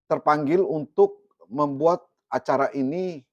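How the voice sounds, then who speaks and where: A man interviewing his former school principal, speaking respectfully with frequent fillers and drawn-out phrases. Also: a little high, darkish tone, dry recording, highs cut off. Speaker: interviewer, alumnus. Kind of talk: casual interview.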